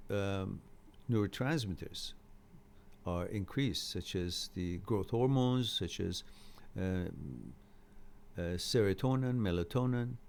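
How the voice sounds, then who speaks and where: This is a middle-aged Farsi-speaking man running a relaxed live Q&A lecture on mental health. He explains in a halting, pause-filled way, using a fairly low pitch and a darkish tone.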